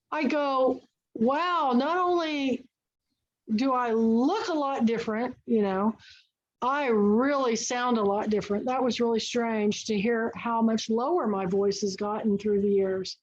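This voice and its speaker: Hosting an online book and film club over video call, a woman chats eagerly and tells stories with enthusiasm in a casual discussion. Her voice is on the high side, her pace slow, and the audio dull.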